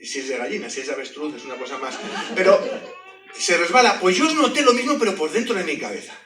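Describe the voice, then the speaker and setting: Recorded from a distance in an echoey hall with crowd noise, a fast-talking man with a fairly high voice delivers his testimony as a sermon. He tells it animatedly, cracking jokes and making sound effects.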